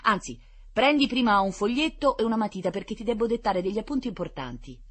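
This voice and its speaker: Bossy little planner girl, crisp and commanding, as a husky woman reader puts her on. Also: mid-range voice, animated, fairly bright tone, voice pushed up. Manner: brisk, instructive, in charge.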